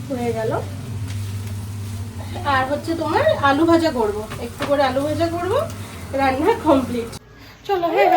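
A woman's voice: high-pitched, background noise. A woman chatting casually to her viewers in a home vlog, often cooing fondly at a small child. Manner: chatty, fond baby talk to a child. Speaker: vlogger.

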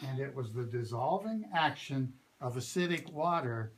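This man, a park ranger, has an expressive mid-range voice and talks at normal speed as he guides visitors through a cave after beginning in the visitor center lobby. Patient and explanatory, he regularly checks on the group; the cave recording is echoey and noisy.

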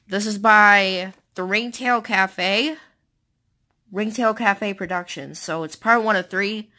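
A young woman, an amateur comic dubber, chats casually into a phone, rambling with plenty of fillers and sounding tired. Her medium-pitched voice is bright, with a forceful tone.

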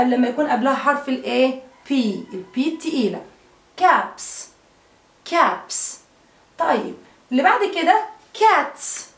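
A woman's voice: sits high, gravelly. A woman with an Egyptian Arabic accent teaching children a phonics lesson, repeating each word and asking the children questions. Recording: echoey room.

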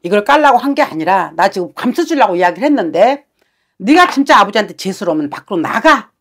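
A woman's voice: medium pitch, big pitch swings, fast talker, a bit bright. A woman shaman giving a fortune-telling session, talking bluntly and scolding with coarse words.

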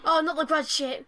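A woman's voice: fairly high pitch, a bit bright. A young woman playing a horror game alone at home, commenting casually, jumpy and swearing as she panics. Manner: jumpy, swears a lot, panics and repeats herself. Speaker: let's play host. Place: her room at home. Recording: noisy home recording with buzz.

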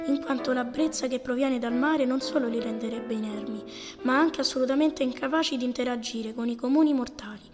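A woman's voice: high-pitched, lightly acted. Woman reading a confident young boy. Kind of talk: audiobook reading. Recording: reverberant audiobook over loud music.

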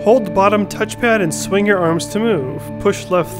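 High-voiced man doing game commentary. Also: normal speed. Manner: chatty, reads on-screen text aloud. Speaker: gaming video host. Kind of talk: casual playthrough commentary. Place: indoor room at home. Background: game music.

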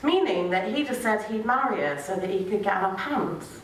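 Far from the stand microphone, a young woman's medium-pitched voice carries lively intonation at a moderate pace through an echoey, faintly noisy small dark venue. A spoken-word performer, she delivers a comic story and dramatic reading with wry sarcasm and sweary asides.

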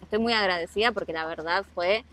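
A lowish, slightly bright female voice moves at a quick pace: a young Argentine travel vlogger with a Rioplatense accent, chatting to camera about working abroad with many asides. She films outdoors on rocks by the sea and then at a harbor.

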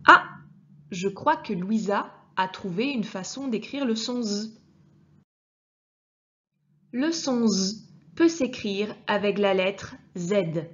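A woman teacher giving a clear reading lesson to young children, speaking to the child directly and sounding out each letter with care. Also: medium pitch, expressive, a bit bright, highs cut off. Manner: patient, addresses the child directly, deliberately articulated sounds. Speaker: primary school teacher.

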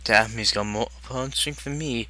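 A woman's voice: rumbling low, normal speed, sharp tone, slight background noise. A woman voicing a manic, giggling male villain clown, reacting to videos in character with crude, theatrical remarks. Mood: gleeful, unhinged.

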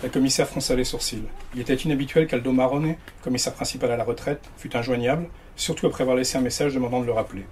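A man reading extracts of a novel aloud at a bookshop event, steady and unhurried in tone. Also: medium pitch, a little hiss or hum. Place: bookshop reading before an audience.

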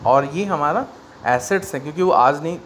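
A man's voice: fairly high pitch, moderate pace. A man with an Indian accent teaching an accountancy lesson, explaining step by step and asking and answering his own questions. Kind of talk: classroom lecture mixing Hindi and English. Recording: faint background noise.

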